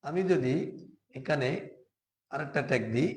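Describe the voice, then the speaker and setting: A man from Bangladesh teaching a beginner web design class, explaining slowly and patiently step by step. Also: mid-range voice, a little mellow, reverberant. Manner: slow, patient, step-by-step, often asks "ঠিক আছে?". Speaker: programming teacher. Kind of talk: live screen-share coding class.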